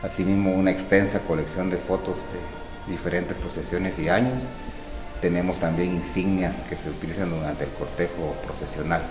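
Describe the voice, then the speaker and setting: A middle-aged Guatemalan museum spokesman with a deep voice and fairly even intonation explains an exhibition in a measured, informative tour talk, making small restarts. He's indoors in a museum hall with exhibits, and the echoey recording has music playing behind him.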